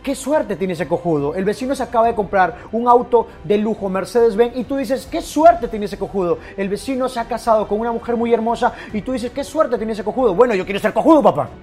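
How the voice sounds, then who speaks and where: A man's voice: high-pitched, expressive, brisk, few pauses, a little mellow. A bashful twelve-year-old boy, as a male storyteller puts him on. The voice is slightly raised and plainly spoken. Faint music sits underneath.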